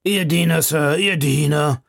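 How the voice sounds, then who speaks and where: A man's voice: a little high, measured pace, creaky, no echo, studio quality, pitched above the performer's own voice. A man doing a fawning chatty prison food server. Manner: obsequious, chatty, gossipy.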